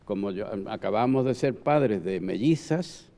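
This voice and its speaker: A former Holy Week proclamation speaker, now an older panel guest, recalls the past in a gravelly, dark, lowish voice with lively intonation and a measured pace. He's reflective and emphatic, regularly asking if others agree. His words echo with long hall reverb.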